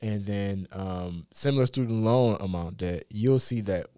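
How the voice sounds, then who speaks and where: A man's voice: lowish voice, unhurried, mellow, clear, resonant tone, no room sound, clean studio sound. A man hosting a podcast, asking questions in a casual, thoughtful way, with frequent fillers. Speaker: podcast host. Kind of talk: casual discussion.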